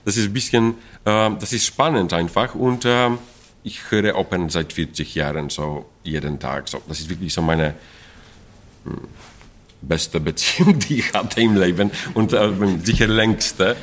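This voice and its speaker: A low-pitched, slightly slow male voice belongs to a middle-aged opera stage director from Poland. Interviewed about an opera production, he speaks with a Polish accent as a native Polish speaker, restarting often, using many fillers as he searches for words, and laughing frequently.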